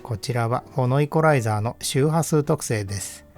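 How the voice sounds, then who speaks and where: A man narrates in a calm, measured and explanatory way, reading a scripted technical walkthrough as a voice-over. His pitch sits in the middle of the male range, and faint music plays beneath him. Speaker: audio equipment reviewer.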